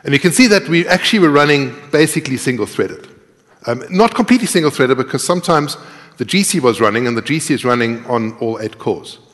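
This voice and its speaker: A middle-aged conference speaker and programming instructor leads a live coding talk, walking through each step conversationally and quizzing his audience. His mid-range voice is animated, fast, and a bit bright. The large tiered lecture auditorium gives the recording a reverberant echo.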